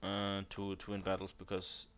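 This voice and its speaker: A man's voice: low-pitched, completely flat delivery, moderate pace, a bit bright, clear, resonant tone. A man giving casual, blunt commentary on a player's strategy game nation, exasperated and full of fillers. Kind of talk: casual commentary over gameplay. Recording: dull lo-fi mic with keyboard typing behind.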